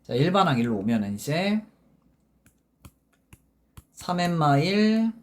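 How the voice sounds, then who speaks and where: A man's voice: fairly high pitch, big pitch swings, slow pace. A man teaching a math lesson in a casual, informal way, working problems step by step and often stopping to ask if the students follow. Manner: informal, constantly checking understanding with short tag questions; talks while working problems step by step, with self-corrections.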